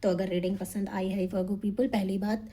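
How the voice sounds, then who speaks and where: A young woman reads tarot cards for her viewers. Her voice is mellow and warm, at a middle pitch. She talks quickly and energetically, mixing in English words. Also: husky. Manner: fast, energetic talk mixing Hindi and English. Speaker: tarot reader. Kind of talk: monthly tarot reading to camera.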